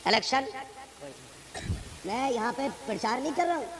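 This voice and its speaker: Emphatic north Indian Urdu preacher. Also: male voice, very high voice, lively intonation. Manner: emphatic, swings from soft asides to loud exhortation; conversational storytelling with rhetorical questions. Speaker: imam and preacher. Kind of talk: sermon. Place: religious gathering before a live audience. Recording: live gathering with audible crowd.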